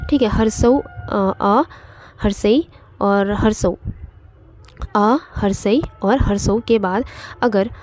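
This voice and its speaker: Woman teaching grammar, high mellow voice. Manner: explanatory, repeats points, frequent fillers and checks "ठीक है". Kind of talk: online exam-prep lecture.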